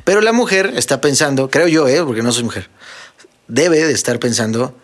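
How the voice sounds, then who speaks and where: Jokes and stories fill this casual solo podcast, where the young host and DJ addresses his listeners like friends. He speaks with a Mexican Spanish accent in an animated, medium-pitched voice at normal speed.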